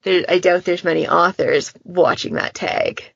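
A podfic challenge moderator chats discursively in a casual podcast discussion, acting out little imagined quotes to illustrate her points. Her fairly low voice has vocal fry and a breathy edge, her pace is measured, and the recording has no room sound with the highs cut off.

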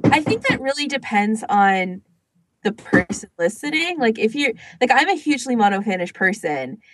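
This low-quality, echo-free recording captures a woman co-hosting a fan podcast. Her slightly high voice has a sing-song lilt and a moderate pace. She keeps the chat casual and sprinkles in plenty of "like".

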